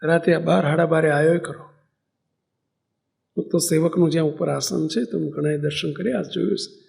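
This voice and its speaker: A male preacher tells a story during a sermon and acts out the voices in it. His voice sits high and has a gravelly rasp. He narrates steadily. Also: fairly even intonation, brisk, darkish tone. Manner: storytelling, acting out dialogue. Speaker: spiritual teacher.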